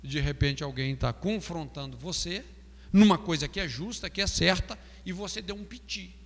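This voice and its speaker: A man's voice: a little high, moderate pace, big-room sound. A Brazilian man teaching a pastoral counseling class, asking "não é?" often and acting out example phrases. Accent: Brazilian Portuguese. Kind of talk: classroom lecture.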